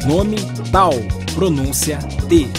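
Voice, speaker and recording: A voice reading the letters of an alphabet aloud in a slow, even, repetitive pattern. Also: medium pitch. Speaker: alphabet reader. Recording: loud music under the voice.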